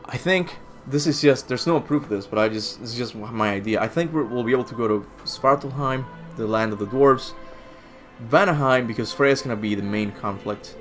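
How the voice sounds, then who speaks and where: A young Cuban man hosts a casual gaming livestream Q&A, answering viewer questions in a brisk, mid-range and slightly bright voice. He rambles, is self-deprecating and laughs at his own slips, with faint music behind him.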